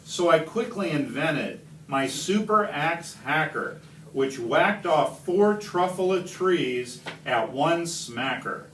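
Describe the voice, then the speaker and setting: A man reading a rhyming picture book aloud expressively, with deliberate, emphatic phrasing and dramatic stresses. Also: on the high side, lively intonation, fairly bright tone. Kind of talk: expressive storybook read-aloud in rhyme. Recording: distant mic, echoey room, background noise.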